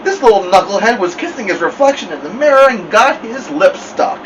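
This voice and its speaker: Man playing a teasing amused dad, joking tone, swinging pitch, far mic with AC hum. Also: sing-song, fairly quick, a bit bright.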